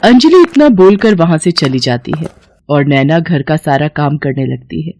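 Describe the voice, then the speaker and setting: A woman narrating an animated moral story in a steady, plain storytelling manner. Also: sits low, normal speed, slight background noise.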